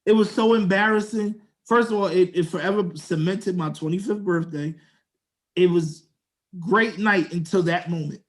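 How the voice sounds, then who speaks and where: Young male co-host, high voice, animated slangy storyteller. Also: moderate pace. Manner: animated storyteller, slangy, acts out quotes in a raised voice. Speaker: podcast co-host. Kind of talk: casual storytelling chat.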